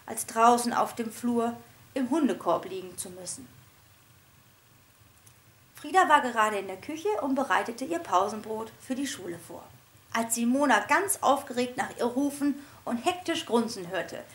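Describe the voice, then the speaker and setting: A woman, the author of a children's book, reading it aloud in an expressive, animated storybook narration. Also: a little high, normal speed.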